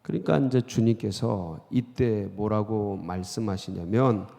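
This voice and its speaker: A male pastor delivers a sermon with a dark, gravelly voice, firing rhetorical questions at his congregation. When he quotes scripture he suddenly gets loud. His voice trails off in a long church-hall reverb. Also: lowish voice, measured pace. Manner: keeps asking the congregation questions, then bursts out loud when quoting scripture. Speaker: senior pastor. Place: church sanctuary.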